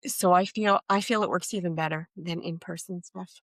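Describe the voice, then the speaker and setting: Middle-aged woman guest, chatty and animated, acts out the voices of people in her stories, dry close sound. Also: on the low side, moderate pace, no room sound. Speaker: energy coach guest. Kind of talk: casual podcast interview.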